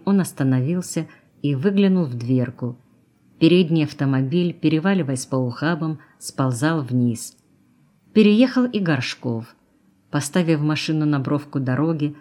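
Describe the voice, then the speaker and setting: A woman reading an audiobook in an even, measured way. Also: sits low. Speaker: audiobook narrator. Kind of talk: audiobook narration.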